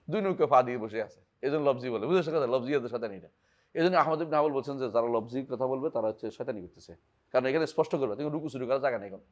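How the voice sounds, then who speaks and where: A man's voice: mid-range voice, a little mellow. A man from Bangladesh with a Bangladeshi Bengali accent, an Islamic scholar teaching a weekly class and explaining points with rhetorical questions and recited Arabic verses. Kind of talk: religious lecture.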